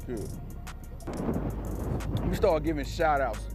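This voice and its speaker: A football coach at outdoor practice, wearing a body mic, joking with players and shouting energetic drill commands. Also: male voice, a little high, takes it slowly, music in the background. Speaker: defensive line coach. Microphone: wireless body mic.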